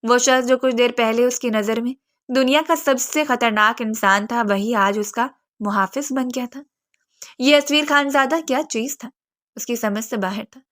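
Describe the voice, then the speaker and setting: A woman narrating a romance novel in steady, even scripted storytelling. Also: on the high side.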